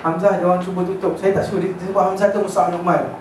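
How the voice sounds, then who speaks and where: His high-pitched, slightly mellow voice moves at a quick pace with little pitch variation as he teaches a religious class through casual stories. Chatty, he often checks in with listeners and drops in English words. It's recorded in an echoey hall on a distant mic, with faint noise.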